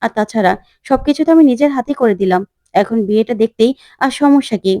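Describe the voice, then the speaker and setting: A woman's voice: on the high side, fast, dark tone, no echo, natural voice. A woman voicing a heartbroken young woman who is wistful and resigned, speaking in a plaintive, pleading way.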